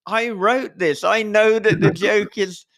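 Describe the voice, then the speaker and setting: A man who is a podcast host and author chats casually on his show, speaking effusively in long, wordy sentences with the odd casual swear word. His voice is high-pitched, steady, slow, and fairly bright.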